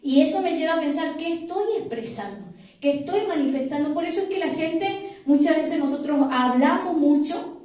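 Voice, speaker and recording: A woman's voice: high-pitched, animated, normal speed, a little mellow. A woman pastor with an Argentine accent preaches earnestly, repeating phrases and asking rhetorical questions. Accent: Argentine Spanish. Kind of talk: sermon. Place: church hall. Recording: very echoey hall, mic far off.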